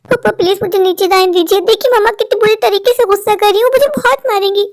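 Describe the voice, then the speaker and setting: A woman's voice: extremely high pitch, fast. A woman doing a whiny little cartoon boy. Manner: whiny, insistent. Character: small boy, anxious, whiny and insistent. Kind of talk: dubbed Hindi cartoon story.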